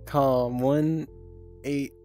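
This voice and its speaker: A young woman with a bass voice talks extremely slowly and in a steady tone during a casual home live stream. Her VR avatar is on screen and soft music plays as she rambles, giggles, and swears freely.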